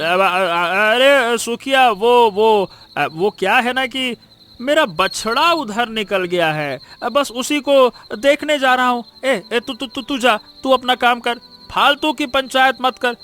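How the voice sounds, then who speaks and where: A greedy village schemer who brags loudly and stammers when cornered, played by a man. His voice sits high and he stretches his words out slowly. Faint music runs under this cartoon story. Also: animated, heavily acted. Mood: flustered. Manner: blustering, stammers when caught out. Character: greedy boastful male villager, cowardly underneath. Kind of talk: cartoon voice acting.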